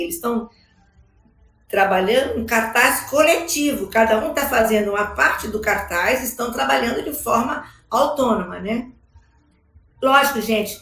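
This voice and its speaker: Speaking in a large conference hall, a woman education speaker with a Brazilian Portuguese accent explains her slides, often tacking on tag questions. Her voice is a little high and reverberant.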